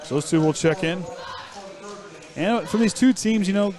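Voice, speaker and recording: A man calls a high school basketball game play by play, his voice a touch high for a man. Between plays he teases his co-hosts in a joking tone. He is broadcasting from a school gym. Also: moderate pace, a little mellow, some chatter behind. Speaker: play-by-play announcer. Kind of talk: live basketball commentary.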